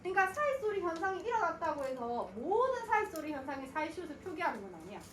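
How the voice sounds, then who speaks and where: Animated high-voiced woman teaching grammar. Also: fast talker, slight background noise. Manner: asks and answers her own questions, voicing students. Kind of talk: lecture. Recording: echoey room, mic at a distance.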